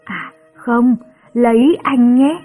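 A woman's voice: on the high side, slow pace, dark tone, faint music behind. A woman voicing an eager, clumsy young man in a storybook reading, talking in a flustered, pleading way.

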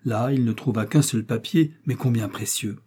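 Man, audiobook narration, warm low timbre, slightly breathy, even reading. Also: normal speed. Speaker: audiobook reader. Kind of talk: scripted narration of a wartime novel.

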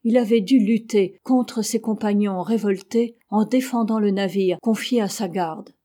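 A woman narrating a classic novel as an audiobook, in a measured, even storytelling manner. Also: mid-range voice. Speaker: audiobook reader.

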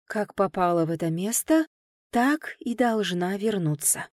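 Mellow woman reading an audiobook. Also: medium pitch, measured pace, no echo, studio quality. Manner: expressive, lively storytelling. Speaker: audiobook narrator. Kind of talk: first-person audiobook narration.

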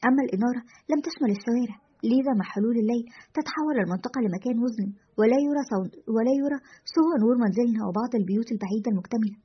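Woman reading female caller, recollecting, high voice, lo-fi. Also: rapid-fire, husky. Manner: recollecting, descriptive. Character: woman caller recalling childhood. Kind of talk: storytelling narration. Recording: lo-fi dull audio.

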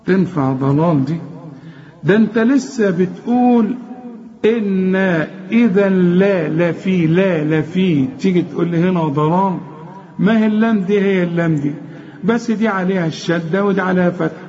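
Egyptian guy teaching quran recitation, highish warm voice, talks through the rules then chants slow, kinda dull lo-fi sound. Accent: Egyptian Arabic. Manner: explains rules plainly, then chants verses slowly. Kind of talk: tajweed lesson with recited examples.

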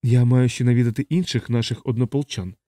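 A man voicing a shy, nervous young army chaplain who speaks in a halting, apologetic way. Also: medium pitch, fairly even intonation, mellow, no echo, clean studio sound, lightly acted. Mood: timid.

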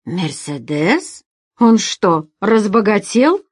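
A grumbling, suspicious male restaurant manager, as a woman reader puts him on, prying and sour in his questions. The narration is dry and close, in a fairly low voice. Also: moderate pace, dry recording, natural voice.

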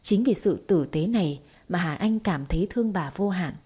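A woman reading a romance story aloud in steady, scripted audiobook narration. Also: on the low side, moderate pace, husky.

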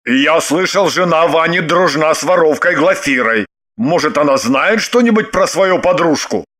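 An indignant middle-aged man blusters and barks orders in a lowered, lively voice with a bright edge, as a woman narrator plays him. He is pompous and quick to shout in this read-aloud story.

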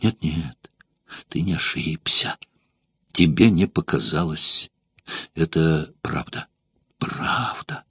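A man voicing a hushed, jealous Greek courtesan. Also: sits low, big pitch swings, unhurried, slightly rough, no room sound, full character voice. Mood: grim. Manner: hushed, pleading and intense. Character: passionate young Greek courtesan woman, coaxing and jealous. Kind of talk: audiobook character voicing.

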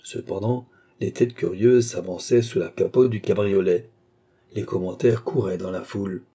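A man narrating a classic novel as an audiobook with a steady, expressive reading. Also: low-pitched, normal speed, slightly rough.

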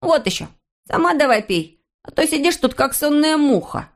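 A woman's voice: mid-range voice, very animated, fast talker, husky. A woman voicing a bold, cheeky little boy who talks smugly with his mouth full. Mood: cocky. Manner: chewing, brash and smug.

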